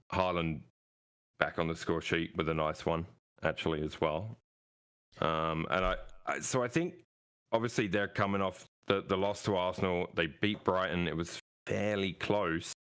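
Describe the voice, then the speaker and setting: A man's voice: low voice, a bit bright, clear, resonant tone. A man co-hosting a casual football podcast, easygoing, with stammering restarts.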